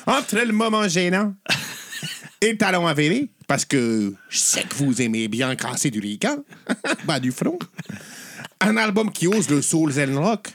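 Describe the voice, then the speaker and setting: A man's voice: a little high, big pitch swings, measured pace, fairly bright tone. A man putting on a Québécois accent to play a Canadian listener reading out his own letter, in a hammy, over-the-top way. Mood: mock-solemn. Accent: Québécois, put on.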